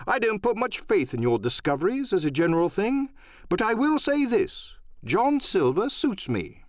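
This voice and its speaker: A man voicing a frank, genial gentleman doctor in an audiobook, with polite, measured phrasing. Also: high voice, very animated, no room sound, studio quality, voice pushed up. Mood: approving. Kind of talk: audiobook radio-play character acting.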